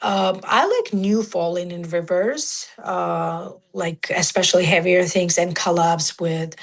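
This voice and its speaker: A young woman from Georgia, raised in Russia, with a Russian accent and a low alto voice with natural rasp, speaking haltingly in an interview with many fillers. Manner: halting, many fillers, non-native grammar. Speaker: musician guest. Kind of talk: casual interview talk.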